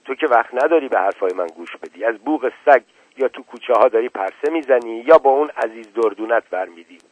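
A man's voice: mid-range voice, animated, husky, dry recording, low-quality recording. A man voicing an angry middle-aged husband who feels plotted against, reading a book aloud on radio, bitter and defensive. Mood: complaining.

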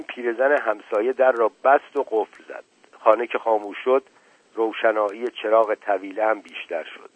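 A man narrating a story in a steady, measured reading. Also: medium pitch, breathy edge, dry recording. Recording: tinny phone-like dry recording.

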